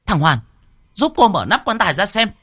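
A man voicing a stubborn grieving aunt who shouts orders in a high strained voice. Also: sing-song, a little fast, husky, no echo, exaggerated voice. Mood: defiant, commanding.

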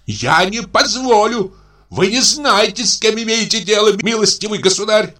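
A man voicing a pompous, indignant bank director who talks in a high, outraged, stiffly formal way. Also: lively intonation, normal speed, sharp tone.

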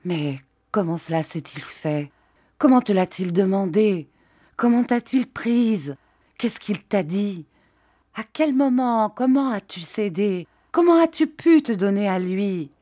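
A woman's voice: mid-range voice, lively intonation, slow pace, warm tone, dry recording, clean studio sound. A betrayed young noblewoman, pressing out anxious questions one after another, as a woman reads her part. Her voice rises and falls widely. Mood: urgent questioning.

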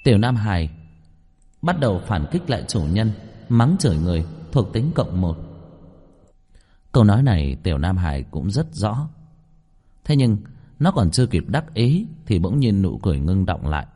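A man narrates a novel with a low, mellow voice. His pitch moves in lively swings as he tells the story. A long reverb hangs on every phrase. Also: moderate pace, pauses often, slightly rough. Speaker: audiobook narrator. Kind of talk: scripted narration.

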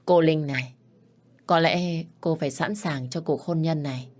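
A frank older housemaid gives plain, blunt advice, as a woman narrating a storybook voices her. Her voice is low and matter-of-fact. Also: moderate pace, darkish tone.

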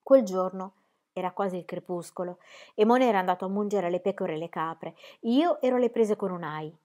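A woman reading a historical novel aloud as a first-person audiobook narration, soft and measured. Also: mid-range voice.

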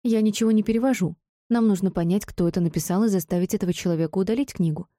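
A woman's voice: medium pitch, rapid-fire, dark tone, dry recording, studio quality, natural voice. A woman voicing an earnest, anxious young female student who talks things through carefully, in an audiobook.

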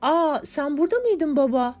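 A woman's voice: on the high side, lively intonation, moderate pace, a little mellow, soft background music. A woman voicing a cheerful teenage girl.

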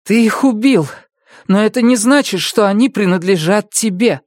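A woman's voice: mid-range voice, lively intonation, normal speed, no room sound, clean studio sound, pitched above the performer's own voice, close to an everyday voice. A narrator voicing a stubborn, firm woman who befriends crows, in an audiobook. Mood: indignant. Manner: firm, indignant, then gentle.

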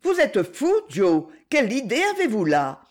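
A woman voicing a proud, gently firm young lady. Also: medium pitch, very animated, moderate pace, lightly acted. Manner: gentle but firm, reproachful.

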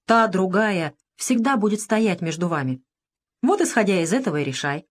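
A woman's voice: mid-range voice, animated, normal speed, natural voice. Woman voicing a grumbling old army officer. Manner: grumbling, lecturing. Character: gruff older male ex-political officer, grumbling.

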